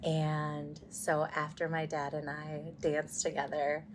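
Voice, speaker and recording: A woman recounting her own wedding day in a slow, measured, composed way in a social media clip. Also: sits low, monotone, noisy background. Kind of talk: heartfelt personal account.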